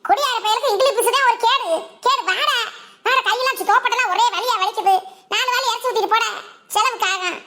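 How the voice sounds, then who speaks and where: A woman's voice: very high-pitched, fast, background noise. A woman with a Ramanathapuram Tamil accent voicing village cartoon characters, scolding and laughing in rural slang. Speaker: cartoon voice artist doing every female figure. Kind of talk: village family cartoon voice acting.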